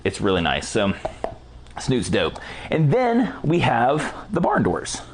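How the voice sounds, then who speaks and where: A man teaching a casual photography lighting tutorial in a relaxed, slangy, enthusiastic way while he is losing his voice. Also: medium pitch, slow, background noise. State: losing his voice, clearing throat. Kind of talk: casual product walkthrough tutorial.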